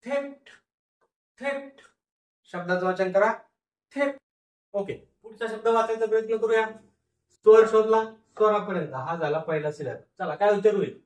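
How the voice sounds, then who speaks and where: A man teaching a phonics lesson, sounding out English words slowly, syllable by syllable, and repeating each one. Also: sits high, darkish tone, far from the mic. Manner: slow, repetitive syllable-by-syllable sounding out. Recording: echoey room, voice from off the mic.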